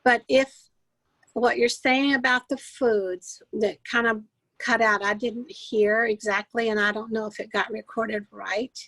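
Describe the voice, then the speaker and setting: A slightly high-voiced woman asks questions in a casual interview, restating details to be sure she has them right. Her voice sounds close and dry, with no room echo. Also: fairly even intonation, a little slow, a bit bright. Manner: inquisitive, repeats and rephrases to clarify. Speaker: co-host interviewer.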